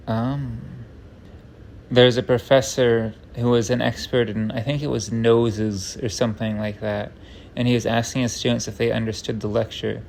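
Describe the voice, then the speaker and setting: Casting: man, creaky gravelly voice, fairly flat delivery, wry and self-deprecating, rambling off-the-cuff rant, some background noise. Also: medium pitch. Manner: rambling, tangent-prone rant, self-interrupting. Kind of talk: unscripted rambling monologue.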